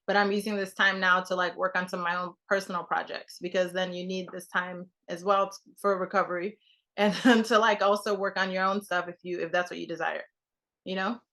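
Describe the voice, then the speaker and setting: A woman's voice: fairly low pitch, little pitch movement, a little fast, sharp tone. A young woman from Trinidad, a television producer talking casually as a guest, full of fillers and restarts. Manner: rambling, many fillers and restarts. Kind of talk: casual conversation.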